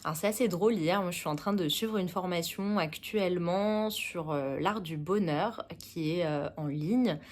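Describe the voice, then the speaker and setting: A young woman from France calmly telling a personal story to camera, pausing often to think. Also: lowish voice, a little hiss or hum. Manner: calm, thoughtful, with many pauses and "euh"s. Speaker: travel vlogger.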